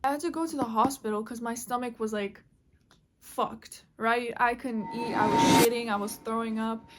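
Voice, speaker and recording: A chatty woman narrates a casual storytime as she draws. Her voice sits a little on the higher side, and her talk is full of fillers and offhand swearing. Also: steady tone, moderate pace, background noise. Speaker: vlogger.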